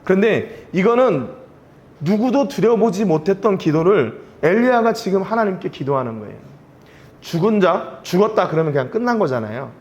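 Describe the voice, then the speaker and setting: Korean pastor preaching in conversational tones. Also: male voice, sits high, big pitch swings, moderate pace, darkish tone. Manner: conversational preaching, rising to emphatic pleas. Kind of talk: sermon.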